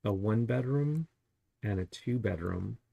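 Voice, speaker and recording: A real estate agent, a man with a deeply gravelly voice, chats his way through property listings. His tone is husky and fairly low, and he keeps posing rhetorical questions. The sound is dry and close, with no room around it. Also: expressive, measured pace, dry recording, phone-quality sound. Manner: chatty, asks rhetorical questions. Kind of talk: casual market review while browsing listings.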